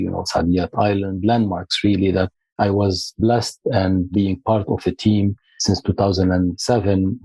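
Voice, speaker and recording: A man from Lebanon with a lowish, mellow voice that has a slightly husky edge. He speaks in a measured, storytelling way as a podcast guest. The sound is close and dry. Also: no room sound, rough recording. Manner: measured, storytelling, occasional restarts. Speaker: guest, consulting firm founder. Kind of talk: podcast interview.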